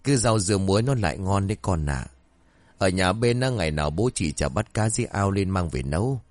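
A man's voice: low-pitched, lively intonation, a little fast, no echo. Man putting on an old granny in the village, easygoing and homey, dry close sound. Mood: homely. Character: elderly village mother, homely and contented.

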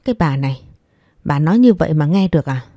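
Woman doing a strict old dad, low dry voice, firm and reproachful, audiobook. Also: expressive, fast, dark tone, dry recording. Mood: stern. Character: stern old father, strict family head.

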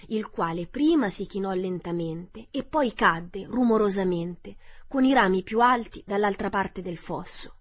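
A woman narrating a children's storybook aloud in an expressive, dramatic way. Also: mid-range voice, husky. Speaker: audiobook narrator.

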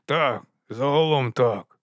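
A man's voice: mid-range voice, slow pace, no room sound, studio quality. A man doing a wheezy, grumbling watch corporal. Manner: mumbling, grumbling, hushed. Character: scruffy, wheezing, shifty older night-watch corporal.

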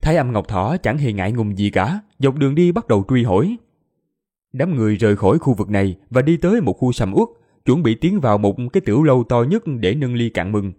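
A man narrating a fantasy audiobook in an expressive storytelling manner. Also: mid-range voice, brisk. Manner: expressive storytelling, voices all characters.

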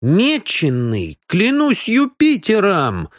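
A man's voice: sits high, very animated, slow, slightly rough, dry recording, voice pushed up, exaggerated voice. Young nobleman, indignant and blustering, man reading, dry. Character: angry young lord, hot-tempered.

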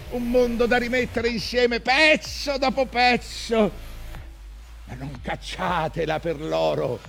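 An actor playing an obsessed, scarred old whaling captain in a declamatory theatrical stage monologue. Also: male voice, extremely high pitch, gravelly, heavily acted. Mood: fierce, rallying. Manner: declamatory, swinging from hushed brooding to shouted commands.

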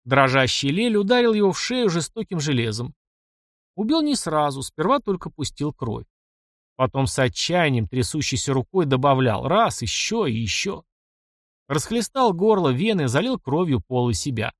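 Expressive male audiobook narrator. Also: on the high side, moderate pace, no echo, clean studio sound.

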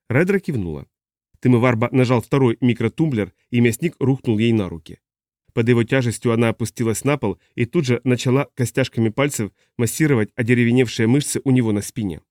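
A man's voice: medium pitch, dry recording. Male audiobook narrator, dry sound. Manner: steady, even reading voicing several characters. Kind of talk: scripted narration.

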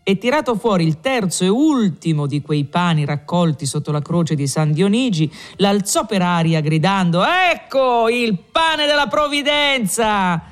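A man narrating a classic novel as an audiobook, reading it in an expressive, theatrical way. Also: high-pitched, moderate pace, few pauses. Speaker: audiobook reader.

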